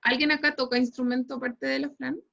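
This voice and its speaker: A woman's voice: high-pitched, flat delivery, a little fast, gravelly, fairly bright tone, highs cut off. A woman with a Chilean accent teaching a physics class online, explaining patiently and checking in with "right?" after nearly every phrase. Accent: Chilean Spanish. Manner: explains patiently, constantly tags phrases with "¿cierto?". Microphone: computer mic on a video call.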